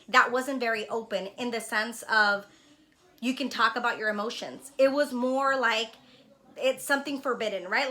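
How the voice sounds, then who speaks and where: In a casual, heartfelt talk to her viewers, a spiritual vlogger and card reader reflects earnestly and keeps checking in with "right?" Born in Honduras, she lives in Los Angeles, and her fairly high voice comes across pushed and bright.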